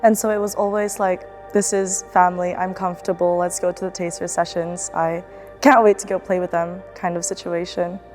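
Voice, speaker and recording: A woman's voice: lowish voice, level tone, normal speed, over music. Young woman student, from the Philippines. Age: young adult. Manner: casual, reflective, with fillers and restarts. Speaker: student athlete. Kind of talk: documentary interview.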